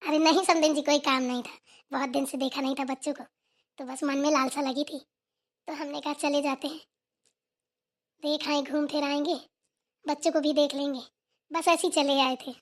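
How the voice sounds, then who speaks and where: A woman's voice: high-pitched, steady tone, moderate pace, long pauses, close to an everyday voice. A woman voicing an affectionate, chatty village mother visiting her daughter in a cartoon. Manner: affectionate, laughs easily. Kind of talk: cartoon voice acting.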